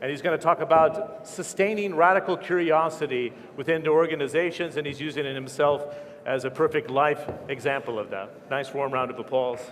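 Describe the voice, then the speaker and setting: A man's voice: on the high side, fairly quick, hardly any pauses. A man introducing the next speaker at a conference and asking for applause. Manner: announcing a speaker. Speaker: conference presenter. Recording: long hall reverb with faint noise.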